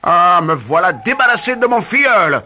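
A man's voice: high-pitched, sing-song, moderate pace, sharp tone, pitched above the performer's own voice, full character voice. A man voicing a vain, scheming nobleman count who is easily fooled, speaking in an exclaiming, indignant manner. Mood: relieved. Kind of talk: storybook character voice.

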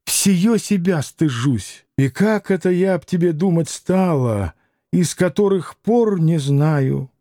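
A man's voice: a little high, expressive, takes it slowly, warm tone, dry recording, studio quality. A man voicing a passionate young woman from an audiobook. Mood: tender. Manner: emotional, pleading.

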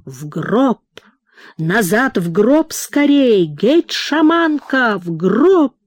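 A woman's voice: fairly high pitch, animated, a little mellow, no room sound, studio quality. A woman reading a storybook, voicing a frenzied male shaman who chants and wails in a trance. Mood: shouting. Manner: chanting, wailing cries, drawn-out calls. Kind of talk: audiobook reading.

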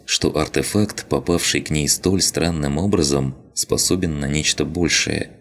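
A male audiobook reader with an extremely low voice. He narrates the story in a steady, even manner, keeping an unhurried storytelling flow. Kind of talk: scripted narration.

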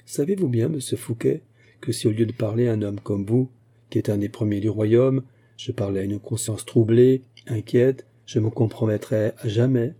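A shrewd, middle-aged musketeer captain, read by a man, polite yet pointed, with a very dark, husky voice. He presses his hints calmly and courteously, lending a dry irony to each word of this audiobook reading. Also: lowish voice, moderate pace. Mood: insistent. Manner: courteous, insistent, quietly ironic.

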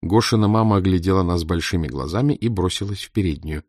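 A man's voice: low-pitched, quick pace, darkish tone, no echo, clean studio sound. A man narrating a children's story for an audiobook, reading it expressively.

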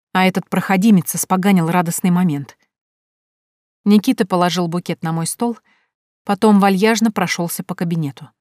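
Low-voiced woman reading a romance. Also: a little mellow, dry recording, studio quality. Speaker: audiobook narrator. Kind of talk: first-person scripted narration of a romance novel.

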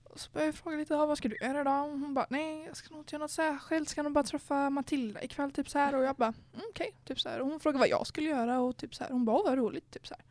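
A woman's voice: high voice, steady tone, few pauses, darkish tone, no room sound. A young woman hosting a podcast, chatting casually and telling a story while acting out what people said. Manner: storytelling, acts out quoted dialogue. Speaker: podcast host. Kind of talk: casual chat.

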